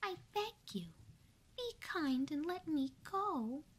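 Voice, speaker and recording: A woman voicing a tiny, polite female mouse in a high, pleading whisper for a whispered role-play bedtime story. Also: lively intonation, a little slow.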